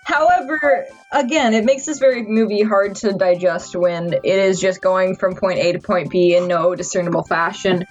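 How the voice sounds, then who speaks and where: A woman's voice: medium pitch, steady tone, moderate pace, hardly any pauses, highs cut off, soft background music. A drunk woman giving a casual, rambling review from notes, stumbling over her words with mock-earnest seriousness. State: tipsy, drunk. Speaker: amateur movie reviewer.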